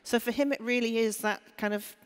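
On a stage in a large hall, a panelist with a voice on the high side talks briskly and smoothly in a steady tone. She thinks aloud, restarts, and checks that she's understood, all under noticeable hall reverb.

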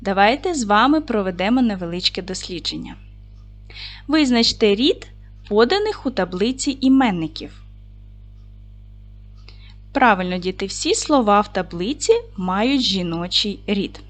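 Lively teacher woman, faint music. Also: medium pitch. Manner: clear, deliberate classroom delivery with recited rhymes. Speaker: primary school teacher. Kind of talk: video lesson for fourth graders.

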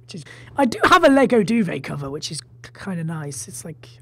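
A man's voice: a little high, sing-song, a little fast, creaky, dry recording. A young man hosting a casual group podcast over a voice call from his bedroom, his voice muffled because he is recording under a blanket. He rambles, mocks himself and laughs often. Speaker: podcast host.

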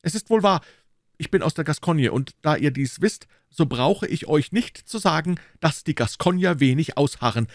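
A man's voice: on the high side, lively intonation, normal speed, no echo, clean studio sound, voice pushed up. A man doing a proud, touchy young Gascon. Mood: earnest. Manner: earnest, touchy insistence. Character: young male Gascon swordsman, proud and quick-tempered. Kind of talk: audiobook character voice.

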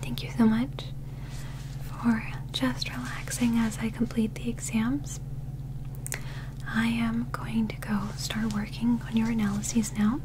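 This young adult woman whispers breathily through a soft-spoken ASMR medical roleplay, staying close to the mic. Her fairly high voice is gentle, soothing and reassuring, and the background is noisy.

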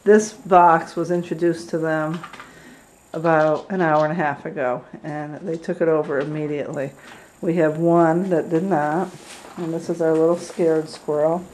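A woman who rehabilitates squirrels, chatting gently on a casual video tour of an indoor room full of cages, recorded on a handheld camera mic. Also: low voice, fairly even intonation, moderate pace, slight background noise, poor audio. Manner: gentle, chatty, coos at animals.

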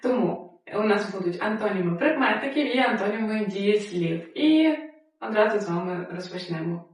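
Woman, language teacher, repeats examples slowly and clearly, strong room echo, distant from mic. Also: mid-range voice, animated. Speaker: Spanish teacher. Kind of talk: language lesson.

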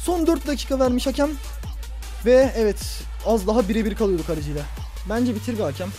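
Excitable young man, football game commentary. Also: high voice, quick pace, faint music behind. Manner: excitable, talks to himself and the players, yells at big moments. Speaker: gaming YouTuber.

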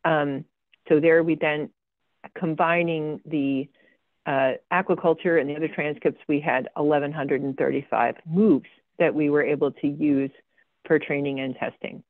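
A woman's voice: deep voice, fairly even intonation, normal speed, dry recording. Lady presenting her research slides, hesitant with lots of ums, tinny call audio. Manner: hesitant, many ums, dry sarcastic asides. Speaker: guest speaker presenting research. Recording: tinny phone-like video call audio, dry.

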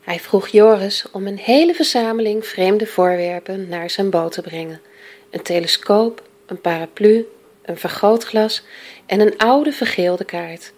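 A woman reading a children's picture book aloud in a lively, expressive way. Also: mid-range voice, a little slow. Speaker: storyteller.

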